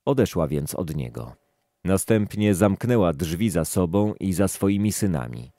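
Deep-voiced man reading scripture. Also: no room sound, studio quality. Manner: calm, even, measured delivery. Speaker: scripture reader.

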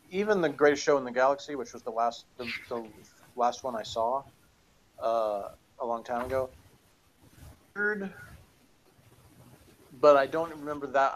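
A man in his forties with a mid-range voice co-hosts a podcast reviewing audio dramas, chatting casually from a home office lined with bookshelves. He rambles and hesitates, using plenty of fillers. The recording is rough, with slight background noise.

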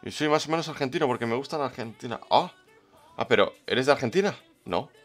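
Brief: man, Spain Spanish accent, playful game streamer reading his chat, middle pitch, faint music underneath. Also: animated, fast talker. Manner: chatty, playful, greets viewers by name. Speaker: livestreamer. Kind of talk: casual livestream chat, reading the chat.

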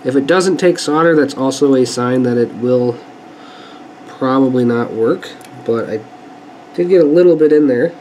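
At a normal speed and in a mid-range voice, a congested repair channel host talks through a hands-on repair at an indoor workbench; a sinus infection has left him stuffy. His manner is easygoing and chatty as he thinks aloud, and there's a little hiss or hum.

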